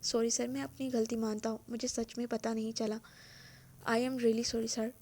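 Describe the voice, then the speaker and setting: A woman's voice: fairly high pitch, little pitch movement, mellow. A woman voicing a humble young male waiter who apologises nervously. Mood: apologetic. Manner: apologetic, pleading.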